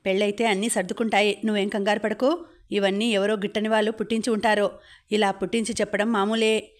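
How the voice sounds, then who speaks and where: A woman's voice: mid-range voice, flat delivery, fast talker, lightly acted. A woman voicing an older, money-minded father who brushes off worries in an audiobook. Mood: dismissive.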